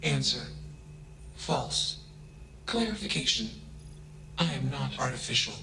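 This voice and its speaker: A flat, emotionless AI. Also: male voice, mid-range voice, measured pace, gravelly. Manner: flat, emotionless, clipped one-word labels before each statement. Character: flat emotionless AI, genderless machine mind. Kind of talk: video game character dialogue. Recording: game audio with steady hum behind.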